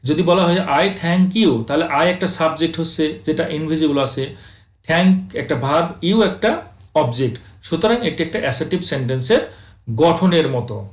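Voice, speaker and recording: Male teacher, somewhat high voice, slow english examples, roomy echo. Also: animated. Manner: addresses students as dear friends, asks and answers own questions; reads English examples slowly, then explains. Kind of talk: slide lecture on grammar.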